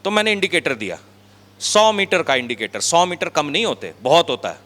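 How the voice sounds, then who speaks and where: A man preaching a sermon as a pastor, talking conversationally and dropping his voice low to stress a point. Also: very animated, fairly quick, sharp tone, long reverb tail. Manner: conversational preaching, acts out quotes, drops low for emphasis. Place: church hall.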